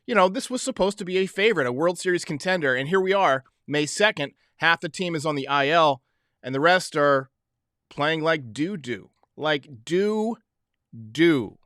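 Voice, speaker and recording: A man's voice: on the high side, a little fast, bright, forceful tone, no echo, studio quality. A man hosting a sports podcast, giving emphatic, opinionated commentary in a casual way, talking straight to listeners.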